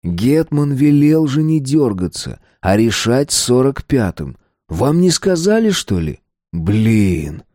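Teen boy bluffing hard, slow tough talk, read by a man. Dry close read. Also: mid-range voice, sing-song, warm tone, dry recording, pitched above the performer's own voice. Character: cocky teen boy bluffing gang members.

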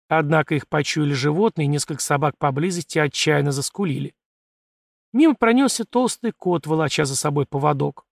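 A man reading a first-person audiobook in a measured, even way. His voice is gravelly and a bit higher than usual, recorded dry and close. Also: no echo. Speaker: audiobook narrator.

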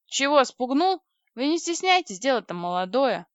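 A hearty, tipsy older man booms out his cheery, folksy lines, raised in pitch and loud, as a woman narrator puts him on. The voice is close and dry. The recording is slightly dull. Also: big pitch swings, normal speed, clean tone, dry recording. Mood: jovial.

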